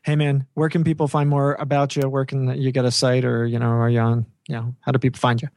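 A man's voice: mid-range voice, flat delivery, fast, a little mellow, dry recording. Man hosting, dry close sound. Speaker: podcast host. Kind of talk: casual podcast hosting.

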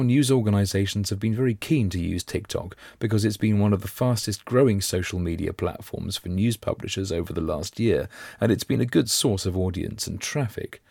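A man with a croaky, gravelly voice after flu, reading scripted news for a podcast in a measured, formal way. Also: low-pitched, a little mellow, dry recording, studio quality.

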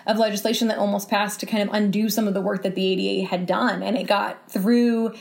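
Speaking fairly quickly with little pitch movement, a woman with a darkish, vocal-fry-tinged medium voice answers interview questions. She is a writer, reasoning aloud reflectively and circling back to rephrase her thoughts.

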